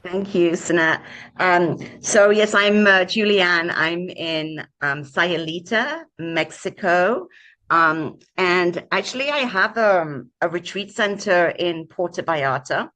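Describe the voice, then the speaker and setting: A woman sharing a personal story as a guest on a video call, talking casually and pausing often with ums and uhs. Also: on the low side, animated, a bit bright. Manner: halting, many ums and uhs. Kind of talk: casual sharing on a live show.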